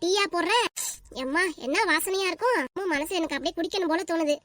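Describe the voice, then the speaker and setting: A woman with a southern Tamil Nadu village accent, voicing all the characters of a village comedy cartoon in quick, bright banter. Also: extremely high pitch, no room sound, clean studio sound. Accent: southern Tamil Nadu, Kanyakumari-Tirunelveli dialect. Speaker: voice artist for a cartoon.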